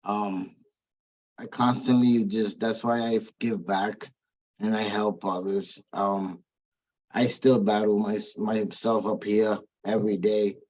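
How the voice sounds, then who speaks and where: A man with a somewhat low voice gives a sincere, emotional personal testimony as a former treatment client. His speech rambles and halts, full of restarts and "you know what I mean" asides. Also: flat delivery, takes it slowly, darkish tone, poor audio.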